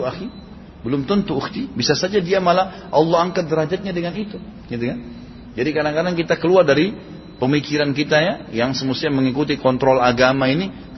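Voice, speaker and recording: A man giving a religious lecture, retelling a story in a chatty way with casual tag questions. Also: on the high side. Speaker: preacher. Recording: echoey hall, slightly dull sound, faint noise.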